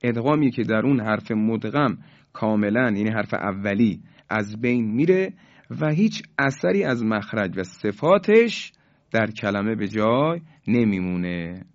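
A man's voice: on the low side, animated. A man teaching tajwid, the rules of Quran recitation, explaining patiently step by step and stretching out the sounds he demonstrates. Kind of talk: tajwid lesson. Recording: slightly dull, lo-fi.

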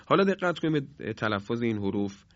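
A man's voice: mid-range voice, very animated, no echo. Man, recitation teacher, formal and polite, dull lo-fi recording, dry sound. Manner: polite and formal, repeats sounds slowly to demonstrate. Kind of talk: formal pronunciation lesson.

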